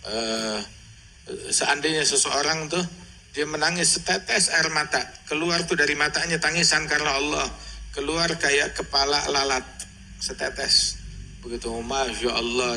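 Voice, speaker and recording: A man delivering a religious lecture, his voice bright and a touch high. He talks conversationally, teasing his listeners and firing rhetorical questions at them. A faint hiss sits under the recording. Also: low-quality recording. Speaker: preacher.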